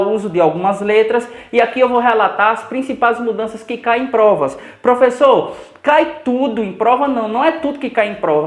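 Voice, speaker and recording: Brazilian lady teaching grammar for exams, middle pitch, echoey room, answers her own questions. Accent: Brazilian Portuguese. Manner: didactic, asks herself students' questions and answers them; slows down to spell out example words. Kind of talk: online exam-prep grammar lesson.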